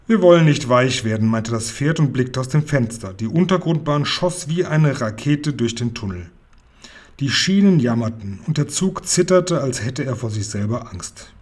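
Ein Mann mit weicher, heiserer Vorlesestimme. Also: male voice, mid-range voice, lively intonation, normal speed, a little mellow, slightly rough. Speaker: reader. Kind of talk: reading a children's book aloud.

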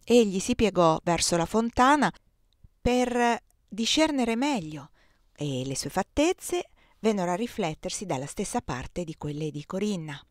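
Woman, audiobook narration, measured and expressive, mid pitch, dry close sound. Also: dry recording. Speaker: audiobook reader. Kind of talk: scripted narration of a classic novel.

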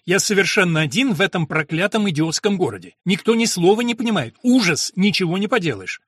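A man's voice: high voice, expressive, brisk, fairly bright tone, husky, no room sound, clean studio sound, pitched above the performer's own voice, heavily acted. A man doing an impatient foreign doctor. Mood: despairing. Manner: abrupt, exclamatory, impatient.

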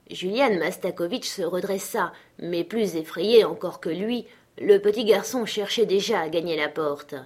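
A woman narrates a literary audiobook with measured, expressive pacing. Her voice is fairly low and has a husky, breathy grain. She tells the story in a steady reading tone.

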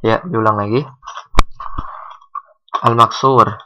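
A man teaching Arabic grammar, asking questions and answering them himself, with drawn-out example readings. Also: fairly low pitch, background noise. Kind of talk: recorded grammar lesson.

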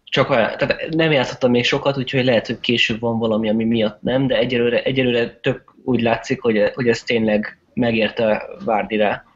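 A man's voice: mid-range voice, fairly even intonation. Guy gushing about a game on a podcast, stumbles a bit, muffled audio. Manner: enthusiastic, chatty, hesitant restarts. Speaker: podcast co-host. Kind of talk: casual chat. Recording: dull lo-fi recording.

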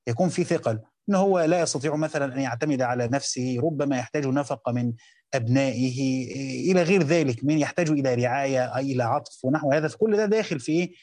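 A man with an Egyptian accent teaching a lesson on a classical text, reading passages slowly and then explaining them in quick colloquial asides while quizzing his students. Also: mid-range voice, a little mellow. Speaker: teacher of Quran commentary.

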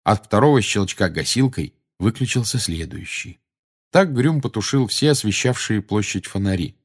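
A man narrating an audiobook in a measured storytelling manner. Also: on the low side, lively intonation, breathy edge. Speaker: audiobook reader. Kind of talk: scripted narration.

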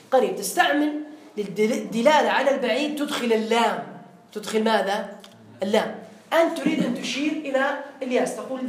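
A man teaching an Arabic grammar lesson in a classroom, explaining slowly, repeating points and quizzing his students. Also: extremely high pitch, echoey room.

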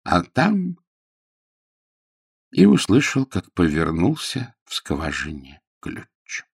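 A man reading a story aloud as narrator, expressive and storytelling. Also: sits low, slow pace, gravelly, husky, no room sound, studio quality. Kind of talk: audiobook reading.

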